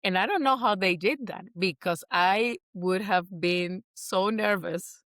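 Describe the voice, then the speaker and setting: A woman's voice: mid-range voice, unhurried, a bit bright, dry recording, studio quality. A woman co-hosting a casual sports podcast, giggly and self-deprecating as a new fan. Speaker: podcast co-host. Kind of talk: casual chat.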